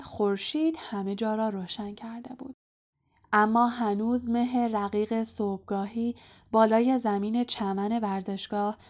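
A woman narrating an audiobook in a calm, soft storytelling voice. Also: mid-range voice. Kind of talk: scripted narration.

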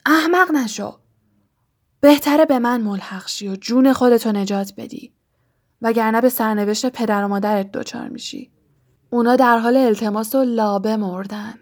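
Storybook villain: menacing serpent-faced dark lord with a hissing whisper, put on by a woman reader. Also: on the high side. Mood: threatening.

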